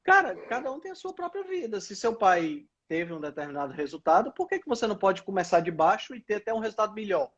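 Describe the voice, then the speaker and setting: A man's voice: sits high, fast talker, hardly any pauses, slightly rough, dull audio. A man hosting a podcast who prompts his guest and reacts a lot with short acknowledgments. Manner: animated, lots of backchannel and prompting. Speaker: podcast host. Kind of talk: conversational interview.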